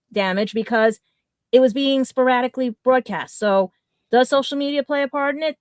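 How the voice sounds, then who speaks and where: Woman, fairly high voice, casual podcast chat, rambling, laughs often, dry close sound. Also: dry recording. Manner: rambling, laughs easily, stumbles over names. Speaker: podcast co-host.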